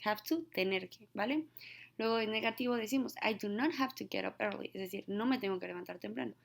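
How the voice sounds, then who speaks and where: A woman, an English teacher giving a recorded grammar lesson who slows right down to read out example sentences. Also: mid-range voice, creaky.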